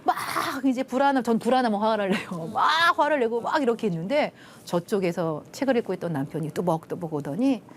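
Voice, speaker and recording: Animated Korean woman lecturer, lively pitch. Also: quick pace, hardly any pauses. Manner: animated storytelling, acts out quoted lines; drops to soft hushed tones at tender moments. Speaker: lecturer, love institute director. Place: TV studio.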